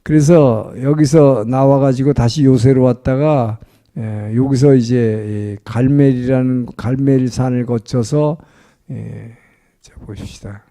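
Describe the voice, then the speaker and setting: A man's voice: medium pitch, fairly even intonation, takes it slowly, mellow. A male pastor preaching a sermon as a storyteller, filling his talk with frequent short affirmations.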